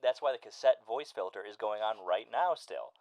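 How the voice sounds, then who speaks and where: A man's voice: on the low side, lively intonation, fairly quick, a little mellow, no echo. A man chatting casually with a friend while painting, playful and teasing, swearing freely. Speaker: co-host.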